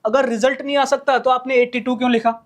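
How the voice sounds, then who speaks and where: A man's voice: extremely high pitch, level tone. A man teaching an English grammar lesson in Hindi, repeating each point and often checking whether the viewers, whom he calls friends, have understood. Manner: repetitive, checks in with "clear hai na?"; slows down while writing examples.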